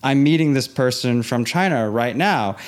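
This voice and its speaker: Here a man of medium pitch and ordinary pace relives an anecdote, voicing each quoted line with energy. He's a theme park industry guest on an interview, born in Los Angeles and brought up in Hong Kong.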